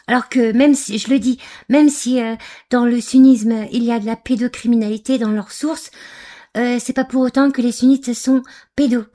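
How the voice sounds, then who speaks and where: Speaking at a moderate pace in a warm, fairly high voice with fairly even intonation, a woman from Algeria delivers scornful, insulting reaction commentary on a video. She's angry yet hesitant, pausing frequently and using many fillers.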